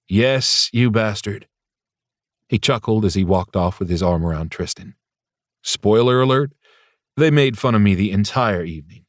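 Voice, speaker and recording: Brief: lower-pitched male narrator, dry wit, close studio read. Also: dry recording. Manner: wry, dryly humorous. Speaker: audiobook narrator. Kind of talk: first-person audiobook narration.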